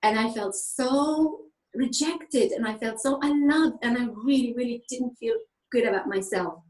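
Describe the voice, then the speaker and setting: A woman from Tunisia whose first languages are French and Arabic, a therapist explaining her work in lively conversation, laughing often and using many fillers. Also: on the high side, measured pace. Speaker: therapist guest. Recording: echoey room.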